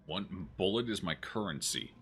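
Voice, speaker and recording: A man's voice: low-pitched, animated, normal speed, a bit bright. A man hosting a gaming video, giving casual, wry and joking commentary as he plays.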